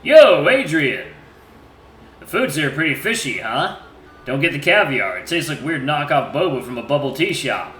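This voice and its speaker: Man as a brash, chatty, animated young buddy. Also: fairly high pitch, moderate pace, echoey room, faint music behind. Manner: casual, slangy. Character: brash, chatty, mischievous young male friend chaperoning a date.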